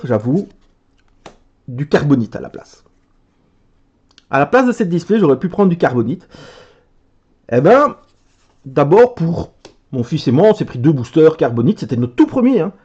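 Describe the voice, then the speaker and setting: A man chatting casually as he opens card packs for his video, letting out excited exclamations over each card. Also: on the high side, slightly rough, highs cut off. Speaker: card game video creator. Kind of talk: casual card pack opening commentary.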